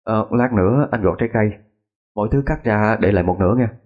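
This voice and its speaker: A man voicing a polite, quiet young boy who speaks softly, with a husky voice. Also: fairly low pitch, fast, phone-quality sound, lightly acted. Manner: soft, polite.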